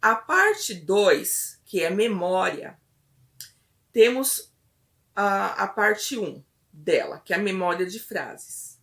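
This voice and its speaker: A woman instructor delivers a patient, step-by-step lesson, stopping often to check that her listeners are following. Her voice is bright, with a sharp edge to it. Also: medium pitch, expressive, slow pace, creaky.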